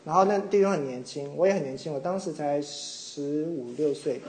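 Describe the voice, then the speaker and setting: A middle-aged man from Taiwan preaching a sermon, telling a personal story with animated mimicry of others. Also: fairly high pitch, normal speed. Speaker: pastor. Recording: echoey room with faint ambience.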